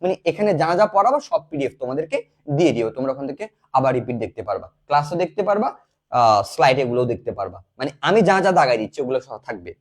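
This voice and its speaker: Lively high-voiced young male tutor. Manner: repeats questions to students and answers himself, calls them "bhaiya". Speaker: online English tutor. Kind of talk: live class teaching grammar.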